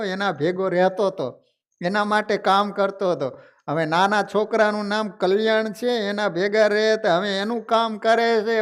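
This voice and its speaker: A man from gives a devotional discourse, speaking straight to his listeners. His voice sits a little high for a man and lifts and drops as he tells his stories. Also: smooth. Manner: lively storytelling, voice rising and falling with the tale. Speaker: religious storyteller.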